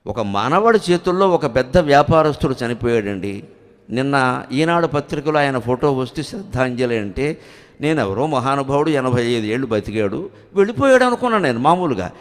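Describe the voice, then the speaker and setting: A man's voice: medium pitch, expressive. Dramatic man preaching in a reverberant hall. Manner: dramatic storyteller, acts out quoted characters, swings between loud and soft; chants verses slowly. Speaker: spiritual discourse speaker. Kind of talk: live religious discourse on an epic. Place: large public hall with an audience. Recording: long reverb of a large hall.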